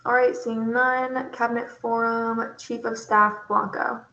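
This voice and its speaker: A young woman chairing a meeting, brisk and procedural as she calls on each report. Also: on the high side, flat delivery, bright, forceful tone, roomy sound, dull audio.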